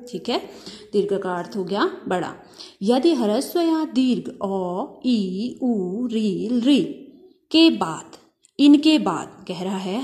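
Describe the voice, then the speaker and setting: A woman teacher giving a grammar lesson, asking questions and answering them herself, slowly stretching out sounds as she spells them. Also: mid-range voice, darkish tone. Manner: asks questions and answers them herself, repeating key terms; drawn-out syllables when spelling out sounds.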